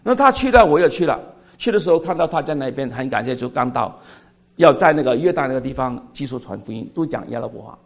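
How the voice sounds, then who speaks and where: An older man with a Cantonese accent, telling a story in a sermon, voice swinging between loud and quiet. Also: medium pitch, lively intonation, fast talker, gravelly. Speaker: pastor.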